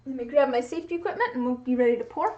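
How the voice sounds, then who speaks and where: Female craft streamer, high voice, casual and chatty, slightly dull lo-fi sound. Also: expressive, racing, dark tone. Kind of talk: casual livestream chat.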